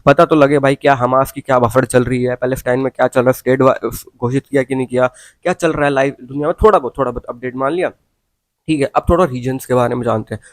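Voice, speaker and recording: A man's voice: mid-range voice, no room sound. Blunt, preachy young man. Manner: blunt, preachy, mixes English phrases and slang. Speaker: vlogger. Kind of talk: casual opinion rant.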